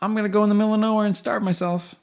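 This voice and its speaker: A man's voice: level tone, very fast, vocal fry, a little mellow, smooth. A Canadian man co-hosting a casual podcast, reading out notes and comments in a playful, jokey way. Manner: playful, jokey, bursts into high silly voices. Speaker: podcast co-host.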